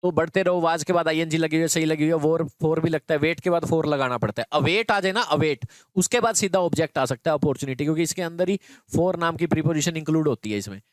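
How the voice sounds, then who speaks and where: Guy teacher doing an exam grammar class, clear smooth voice kinda high, walks through it step by step, dry close sound. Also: quick pace, no echo. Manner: explains step by step, often checks in with students. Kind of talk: exam prep grammar lesson.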